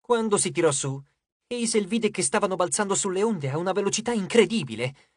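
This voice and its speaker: Lively, dramatic audiobook narrator. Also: medium pitch, husky, dry recording, studio quality. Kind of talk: scripted narration.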